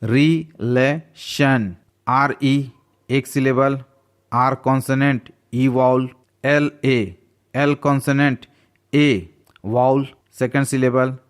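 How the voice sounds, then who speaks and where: A man teaching a slow English lesson, patiently spelling words out letter by letter. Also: medium pitch, steady tone, clean tone.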